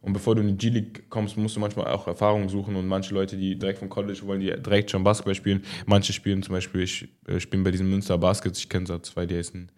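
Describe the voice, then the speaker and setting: Laid-back slangy young man, low voice. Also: monotone, quick pace, few pauses, a little mellow. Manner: slangy, rambling, acts out quotes. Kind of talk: casual chat.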